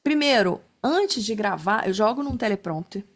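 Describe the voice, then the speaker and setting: With an expressive, medium-pitched voice at normal speed, a female instructor leads an online class. She's chatty and casual, tagging her sentences with small check-ins and using lots of fillers such as né and tá.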